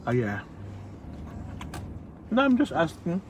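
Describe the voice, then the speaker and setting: A man's voice: a little high, huge pitch swings, takes it slowly, background noise. A middle-aged man from the Philippines with a Filipino accent, chatting casually and patiently prompting a child to repeat phrases. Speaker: father and vlog host. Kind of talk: casual family vlog chat. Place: inside a car at a drive-through.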